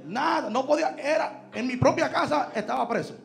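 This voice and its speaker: A man preaching a sermon with a gravelly voice, telling a personal story that swings from hushed storytelling to shouting. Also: very high-pitched, fairly quick. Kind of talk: sermon testimony.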